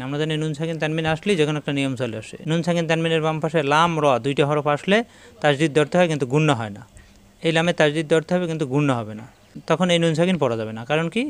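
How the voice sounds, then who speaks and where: A man teaching an online Quran lesson, spelling words letter by letter and chanting slow examples. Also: on the high side, clear, resonant tone. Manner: chants the call to prayer slowly in demonstration.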